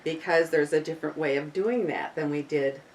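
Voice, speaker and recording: A woman's voice: deep voice, normal speed, darkish tone, a little hiss or hum. Woman leading a vowel-sound chant, far off the mic. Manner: informal, explains with fillers and restarts. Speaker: workshop leader. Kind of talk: guided sound-healing workshop. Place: room with a small group.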